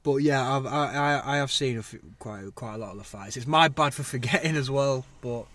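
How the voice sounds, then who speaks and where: A man's voice: mid-range voice, brisk, a bit bright, no room sound. A British man co-hosting a casual sports podcast in a car park, talking informally and a little hesitantly. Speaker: podcast co-host. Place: car park, recording on location.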